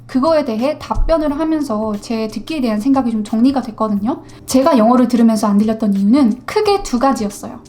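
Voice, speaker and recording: A woman's voice: a little high, fast talker, few pauses, warm tone. Upbeat woman explaining English listening. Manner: talks straight to viewers, mimics English pronunciations to contrast them. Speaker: English-learning YouTuber. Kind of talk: casual explanatory lesson.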